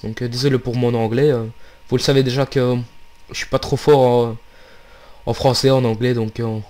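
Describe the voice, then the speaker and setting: A man talks through a software tutorial at his computer in a casual, unscripted way. He hesitates often and restarts his phrases as he walks through each step, recorded on a desktop microphone. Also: mid-range voice, level tone, normal speed. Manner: hesitant, many fillers and restarts, steps through clicks. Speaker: tutorial maker.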